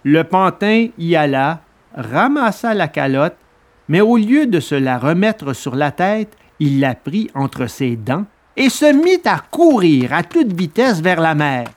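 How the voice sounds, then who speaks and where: A man narrating a children's tale aloud in a steady, expressive storytelling voice. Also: fairly high pitch, slow, no echo. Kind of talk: audiobook reading of a children's tale.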